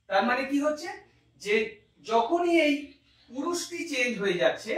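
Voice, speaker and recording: A man with a very high voice teaches a grammar lesson step by step, slowly drawing out words to show how they sound. He stands well away from the microphone in a strongly echoing room. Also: pushed and bright. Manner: methodical, drawing out words slowly to model pronunciation. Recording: very echoey room, mic far off.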